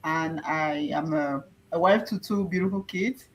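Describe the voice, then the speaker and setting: A woman from Cameroon, a translator, speaks softly and a little haltingly. Her voice sits slightly low. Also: low-quality recording. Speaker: translator and interpreter. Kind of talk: casual self-introduction.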